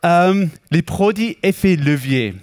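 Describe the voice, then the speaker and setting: A man with a Swiss German accent mixed with Québécois and English influence gives an explanatory financial presentation as a product specialist, in a halting, self-correcting way. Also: high-pitched, expressive, a little mellow, no echo, clean studio sound. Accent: Swiss German with Québécois and English influence, speaking French.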